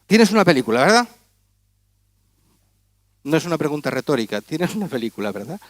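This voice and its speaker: Guy doing magic onstage, jokey and chatty, voice bouncing up and down, pretty high for a man. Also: sing-song, brisk, dry recording. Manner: playful, teasing, chatty with volunteers. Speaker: magician entertaining a gala audience. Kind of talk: comic stage patter. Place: auditorium stage.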